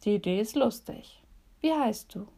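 A woman voicing a sleepy, grumbling male leopard in a zoo, gruff and drowsy in a storybook devotion. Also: medium pitch, lively intonation, normal speed, dark tone. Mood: gruff calm.

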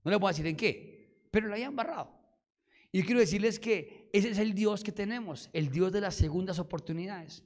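Animated preacher man, fairly high voice. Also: fairly quick. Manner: animated, acts out dialogue and prayers, swings from hushed to loud. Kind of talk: sermon.

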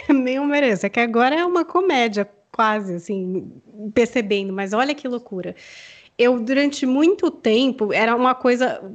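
A Brazilian woman co-hosting a relationship podcast, chatting in a lively way with laughs and personal anecdotes. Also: a little high, normal speed, muffled recording. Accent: Brazilian Portuguese. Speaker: presenter co-host. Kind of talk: podcast conversation.

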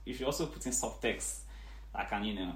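A man's voice: lowish voice, fairly quick, vocal fry. A man with a Nigerian accent chatting casually as a podcast guest, repeating words as he works out his point in a roomy recording. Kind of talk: casual chat. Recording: roomy, echoey home recording.

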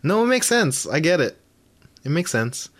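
A man's voice: a little high, very animated, normal speed, a bit bright. A young man in casual podcast chat, rambling and laughing often.

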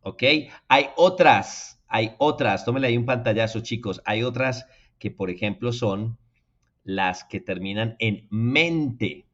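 Latin American male teacher, drills each word slowly, then talks fast to the viewers, slightly dull lo-fi sound. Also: mid-range voice. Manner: addresses viewers directly, encouraging them to repeat. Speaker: English teacher. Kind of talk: spoken language lesson.

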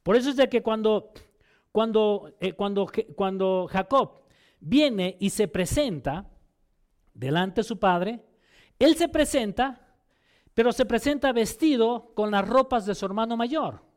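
A man preaching a sermon in a lively, rising and falling voice. He often stumbles over and repeats words as he restarts a phrase. He keeps turning to the listeners with questions. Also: high-pitched, measured pace. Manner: asks rhetorical questions to listeners.

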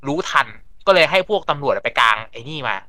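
A man's voice: a little high, lively intonation, brisk, over a noisy crowd. A man chatting casually as a podcast panelist, retelling plots at length and acting out lines. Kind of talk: casual chat.

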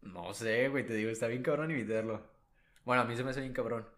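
A man's voice: mid-range voice, fast talker, a bit bright. A man with a Mexican accent co-hosting a podcast in casual chat, slangy and profane, rambling with lots of fillers. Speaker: podcast co-host. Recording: roomy echo.

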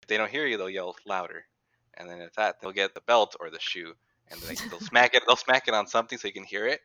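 A man's voice: fairly low pitch, fast, no room sound, muffled recording. A man in casual chat, telling stories animatedly and acting out quotes. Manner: animated storyteller, acts out quotes.

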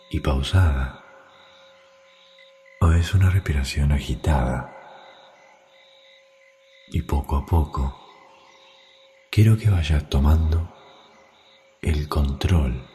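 Man, extremely deep voice, warm dark tone, soft soothing sleep meditation. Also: slow, long pauses, soft background music. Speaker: meditation guide.

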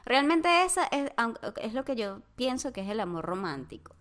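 A woman's voice: fairly high pitch, very animated, moderate pace, noisy background. A woman, co-hosting a podcast over a video call, reflecting in casual, colloquial chat. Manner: reflective, explains her views with colloquial asides. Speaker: podcast co-host.

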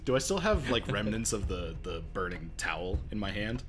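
A man's voice: fairly low pitch, big pitch swings, normal speed, music in the background. A man playing a tabletop game, joking and swearing casually as he chats about his moves. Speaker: player.

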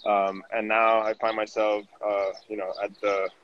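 On a city street, a Venezuelan man who works as a digital marketing director speaks casually in an interview, repeatedly restarting his words. His voice runs low with little pitch movement at a normal speed, and the sound is dull with a faint hiss.

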